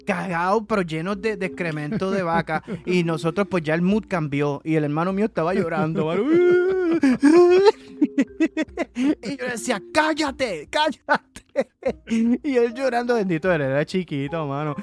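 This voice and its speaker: A man with a Puerto Rican accent, co-hosting a podcast and telling a casual anecdote in a lively, laughing way. He uses a lot of slang and drops English words into his Spanish. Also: high-pitched, normal speed. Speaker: podcast co-host.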